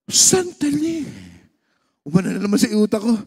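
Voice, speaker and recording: A man's voice: very high-pitched, a little slow, husky. A male pastor with a Filipino accent, preaching a sermon and telling a personal story, mixing Tagalog and English. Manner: animated storytelling, switching between Tagalog and English.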